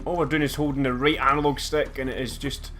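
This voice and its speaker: A man's voice: medium pitch, level tone, quick pace, faint music behind. A man with a Scottish accent giving casual, chatty and self-mocking commentary over a game as a let's play host. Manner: chatty, self-mocking, bursts into loud laughs.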